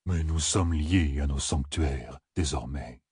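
Very deep old giant elder, voiced by a man, raspy, slow and grave, gruff and scholarly, audiobook. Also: darkish tone, no room sound, clean studio sound, heavily acted. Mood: earnest. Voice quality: deep rumbling voice.

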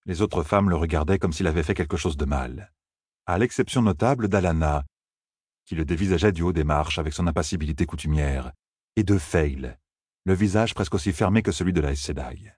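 A man reading an audiobook aloud in an expressive storytelling manner. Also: sits low, a little fast, slightly rough, no room sound, studio quality. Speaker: audiobook narrator. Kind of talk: scripted narration.

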